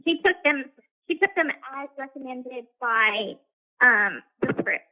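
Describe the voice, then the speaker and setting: A woman's voice: high voice, animated, slow. A woman speaking from a prison payphone call, talking in a hesitant, rambling way with many fillers. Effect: prison payphone call over a tinny phone line. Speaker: inmate calling from a correctional facility. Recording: tinny phone line.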